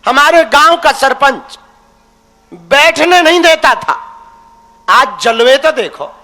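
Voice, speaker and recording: A man's voice: extremely high pitch, lively intonation, slow, bright, forceful tone. A young man preaching a devotional sermon, teasing and folksy, calling his listeners his crazy ones. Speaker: religious preacher. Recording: long hall reverb.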